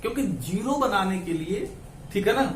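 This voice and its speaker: A man's voice: high voice, animated, normal speed, a little hiss or hum. A male maths teacher working through problems with his class, speaking mixed with English terms and often checking in with "ठीक है ना". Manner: repeats "ठीक है ना", counts steps aloud. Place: classroom with students. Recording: echoey classroom, mic far off.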